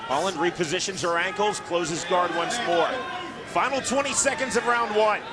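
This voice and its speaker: High-pitched man calling a live fight. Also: normal speed. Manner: crisp announcer delivery in short clipped calls. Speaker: play-by-play fight commentator. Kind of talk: live MMA commentary. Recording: loud crowd and music behind broadcast mic. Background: arena crowd and music.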